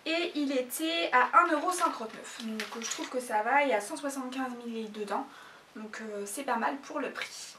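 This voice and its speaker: A woman's voice: sits high, normal speed, pushed and bright, a little hiss or hum. A woman chatting casually in a haul video, hesitating often with fillers. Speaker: YouTuber. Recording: echoey room, mic at a distance.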